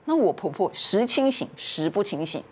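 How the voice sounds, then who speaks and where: A woman's voice: medium pitch, very animated, normal speed, breathy edge. A woman, a talk show guest telling a family story and acting out the quarrels in raised voices.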